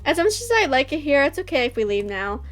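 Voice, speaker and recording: A woman voicing a gentle young adult man, soft and earnest, while reading a visual novel aloud. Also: high voice, sing-song, fast talker, soft background music. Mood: tender.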